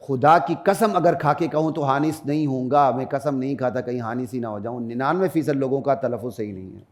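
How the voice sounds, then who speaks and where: A middle-aged mufti delivers a Friday sermon, preaching with emphasis and building to loud peaks. He sometimes drops into low asides to the congregation and chants Arabic verses melodically.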